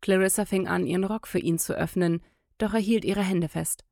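A woman narrating an audiobook in a measured, intimate storytelling manner. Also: medium pitch, fairly even intonation, gravelly, darkish tone, no echo, studio quality.

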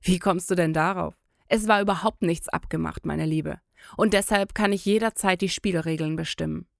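A woman's voice: lowish voice, moderate pace, vocal fry, no echo, studio quality. A woman voicing a cool, controlling young man in an audiobook, firm and commanding. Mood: mocking.

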